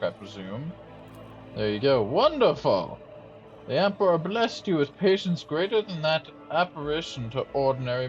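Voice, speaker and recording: A man's voice: on the high side, muffled recording. A man reading aloud the lines of a fussy, pompous male imperial official from a game.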